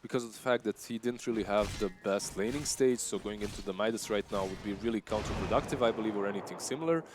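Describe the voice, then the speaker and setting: A man's voice: lowish voice, fast, few pauses, background noise. A man with a Bosnian accent, a non-native English speaker, giving analytical live esports commentary with frequent fillers.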